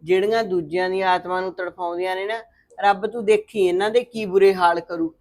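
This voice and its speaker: A woman's voice: on the low side, fairly even intonation, brisk, darkish tone, close to an everyday voice. A middle-aged woman acting a motherly aunt who comforts a crying niece with proverbs. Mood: soothing. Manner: soothing, proverb-quoting. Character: motherly aunt, soothing and stern. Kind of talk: Punjabi web drama acting.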